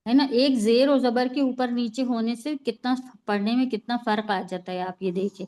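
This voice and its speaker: A woman's voice: on the high side, fairly even intonation, normal speed, warm tone. A woman teaching Quran recitation rules in an online class, patient and repetitive, often checking with "right?". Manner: patient, repeats rules and asks "है ना?". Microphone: online class call.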